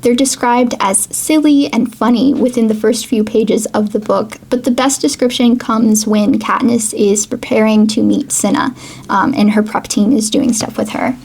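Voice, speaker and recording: Chatty woman host with a husky voice. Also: fairly high pitch, steady tone, normal speed, a little mellow. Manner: chatty, frequent "like" and "um". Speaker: geography video host. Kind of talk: casual explainer with book readings.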